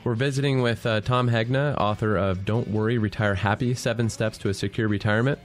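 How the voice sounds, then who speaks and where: A man hosting a radio interview, talking in a relaxed way with many fillers. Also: fairly low pitch, brisk, faint music behind. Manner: relaxed, filler-heavy conversational delivery. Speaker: radio show host.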